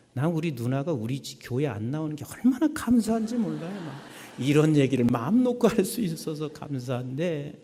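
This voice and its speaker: A male pastor preaching a sermon, telling stories with lively swings from soft to loud. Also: mid-range voice. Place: church sanctuary. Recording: long church hall reverb.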